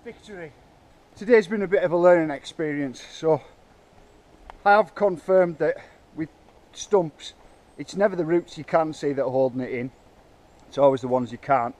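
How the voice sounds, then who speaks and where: A man's voice: fairly high pitch, normal speed, darkish tone. A man vlogging as he works on a bike park trail in the woods, chatting casually with lots of hesitations and filming himself on a handheld camera. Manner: chatty, hesitant, self-talk while working. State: out of breath. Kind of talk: casual vlog narration. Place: outdoors in woods.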